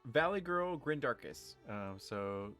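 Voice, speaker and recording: Dude running a tabletop game, normal pitch, laid-back rulings, music in the bg. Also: male voice, animated, takes it slowly, fairly bright tone. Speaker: game master. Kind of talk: casual tabletop game narration.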